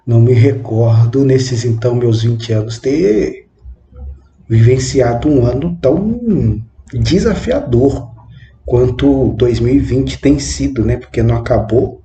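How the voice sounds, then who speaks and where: A man in his twenties giving a reflective spoken monologue, with halting, measured phrasing and frequent questioning tag words. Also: medium pitch, dark tone. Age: 20s. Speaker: channel host. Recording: roomy echo with faint background noise.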